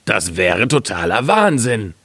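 A man reading a fairy tale aloud, voicing a gruff, gullible miller in a lower, slower voice. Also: big pitch swings, a bit bright, dry recording, heavily acted.

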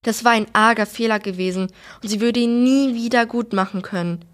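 A woman reads a children's novel aloud in a steady storytelling voice. Her voice sits a little high and keeps an even, gentle flow. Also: brisk.

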